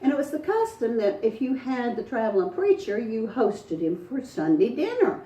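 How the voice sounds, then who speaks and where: A woman's voice: a little high, big pitch swings, moderate pace, warm tone. A woman storyteller, telling a folktale to a live audience in a folksy, dramatic way. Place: front porch event. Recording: echoey, distant mic, faint ambience.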